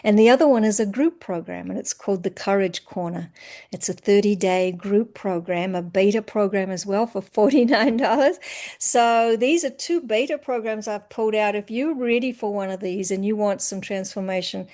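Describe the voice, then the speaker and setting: A woman, a coach talking about her work in a casual interview. She speaks in a relaxed, reflective way and often trails off softly at the ends of phrases. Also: medium pitch, normal speed. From New Zealand. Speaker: empowerment coach.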